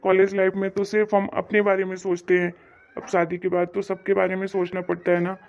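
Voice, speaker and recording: A woman doing a flat-voiced young husband. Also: mid-range voice, a little fast, creaky, dull audio, close to an everyday voice. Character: young husband, earnest and dutiful. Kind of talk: cartoon story voice acting.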